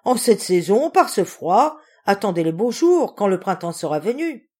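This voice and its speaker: A woman's voice: medium pitch, expressive, measured pace. A woman doing a coaxing, shrewd spinster. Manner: soft, coaxing and reasoning. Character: shrewd spinster mistress, gentle and persuasive.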